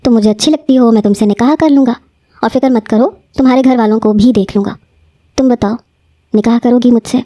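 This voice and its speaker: A woman voicing a caring young male professor who speaks gently and reassuringly. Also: a little high, no echo, studio quality, close to an everyday voice. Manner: gentle, reassuring, then serious.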